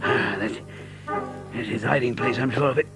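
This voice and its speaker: An actor playing an earnest, old-fashioned gentleman doctor in an audio drama, with a hesitant but determined manner. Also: medium pitch, moderate pace, over loud music, lightly acted. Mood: determined, wary. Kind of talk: audio drama acting and narration.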